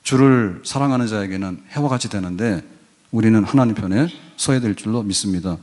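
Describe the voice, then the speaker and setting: A man's voice: lowish voice, fairly quick, darkish tone. An older man preaching a sermon as pastor in a church, folksy and conversational, rising to emphatic peaks. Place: church sanctuary.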